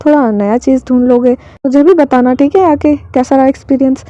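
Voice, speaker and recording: A woman's voice: sits high, steady tone, a little fast, mellow, dry recording, highs cut off, close to an everyday voice. A woman voicing a kind old grandmother who coaxes a young man to go. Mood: encouraging.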